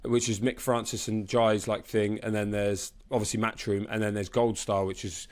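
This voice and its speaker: A Brisbane-born boxing reporter who co-hosts a podcast talks about sport casually, full of slang and swearing. His voice is lowish and flat, and he speaks at a normal speed.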